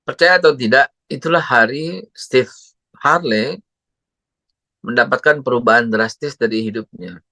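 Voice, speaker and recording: A man's voice: mid-range voice, a little slow, long pauses, bright, forceful tone, dry recording. A man who preaches a parenting talk and tells stories animatedly, acting out voices. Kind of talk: religious parenting talk with storytelling.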